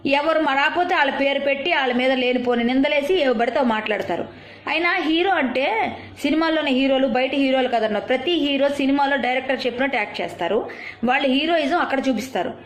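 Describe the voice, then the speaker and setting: A woman's voice: high voice, fast. A woman delivering an angry, confrontational rant at a rival, firing off rhetorical questions and scolding. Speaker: video commentator. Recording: roomy echo.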